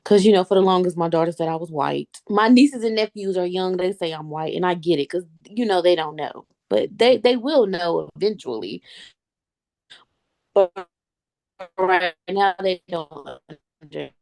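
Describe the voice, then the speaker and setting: A woman's voice: lowish voice, expressive, moderate pace, a little mellow. A woman in her thirties, a guest on a video-call interview, chatting casually, laughing often and calling the listener honey.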